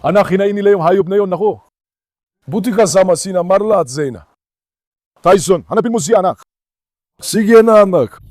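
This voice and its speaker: Man, high voice, dry close sound, urgent vlog narration, calls to his dogs, shouts then hushes. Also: fairly quick, long pauses, no room sound. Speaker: vlogger and dog owner. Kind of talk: tense outdoor adventure vlog narration. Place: forest at night.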